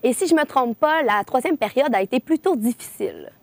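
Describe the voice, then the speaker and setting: A young woman anchors a news broadcast, reading from a script and passing segments to reporters. Her voice is fairly high and recorded close and dry. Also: animated, fairly quick, a little mellow, no room sound.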